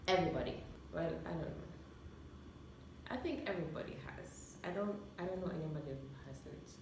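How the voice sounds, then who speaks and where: A woman's voice: deep voice, brisk. A young woman, hosting a vlog with casual chat to camera. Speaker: vlog host. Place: echoey room. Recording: echoey room, distant mic, clear noise.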